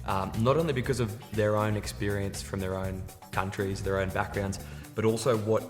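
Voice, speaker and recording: Lowish-voiced man, reverberant hall. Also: steady tone, normal speed. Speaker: drama student. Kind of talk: casual interview talk. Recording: reverberant hall with music behind.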